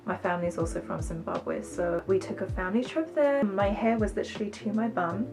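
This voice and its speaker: A beauty vlogger talks to camera in a loose, rambling way, her mid-range voice fairly quick and touched with vocal fry over background music. Born in the UK and raised in South Africa as a teenager, she sounds mostly British with slight South African and American traces. She chats casually and drops self-conscious asides.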